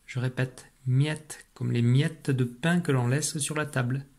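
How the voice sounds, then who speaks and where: A man's voice: medium pitch, steady tone, unhurried, a little mellow. A man teaching a spelling dictation lesson, speaking patiently, repeating each syllable and sometimes whispering it. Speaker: primary school teacher.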